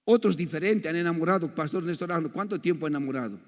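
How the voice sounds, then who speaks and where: An older man teaching a church seminar as a pastor, telling animated stories and asking his audience rhetorical questions. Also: on the high side, quick pace, long reverb tail. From Bolivia. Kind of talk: seminar lecture to a congregation.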